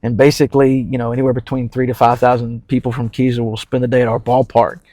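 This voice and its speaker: A man over thirty-five from New Orleans, talking casually as a podcast guest, repeating words and pausing with fillers while he thinks. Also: medium pitch, level tone, mellow, dry recording. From New Orleans, Louisiana. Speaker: community development manager for a baseball team.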